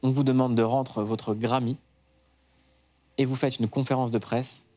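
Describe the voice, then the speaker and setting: A man's voice: medium pitch, little pitch movement, a little slow, dark tone. A man interviewing a guest. He asks short questions, sums up and prompts.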